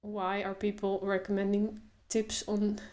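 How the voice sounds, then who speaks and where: With a medium-pitched voice, a young female video creator talks casually to the camera. She stutters openly through repeated sounds and pauses, then relaxes into a slow delivery.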